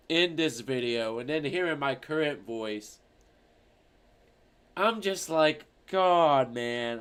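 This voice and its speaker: A man's voice: medium pitch, fairly bright tone, smooth. A man streaming, reacting to an old video of himself, rambling and swearing casually with a lot of fillers. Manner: rambling, profane, lots of fillers.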